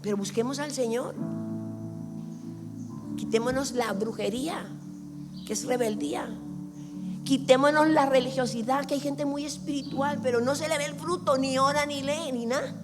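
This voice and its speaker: A woman, preaching an emphatic sermon that swings between loud and hushed and acts out little dialogues. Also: high-pitched, moderate pace, long pauses. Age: 60s. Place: church hall. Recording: long church reverb with music behind.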